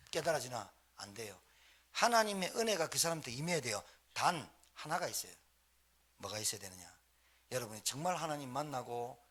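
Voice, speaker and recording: Middle-aged pastor, fairly high voice, very animated sermon delivery. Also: male voice, slightly rough. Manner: animated, fires rhetorical questions at the congregation. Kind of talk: storytelling sermon. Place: church sanctuary.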